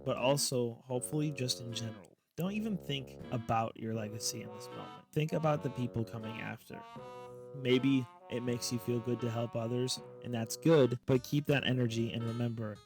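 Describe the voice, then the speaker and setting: A man's voice: medium pitch, moderate pace, over music. A man hosting a reaction stream, speaking earnestly and emphatically about a clip he has just played. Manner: earnest and emphatic, sometimes loud. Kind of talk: casual reaction commentary.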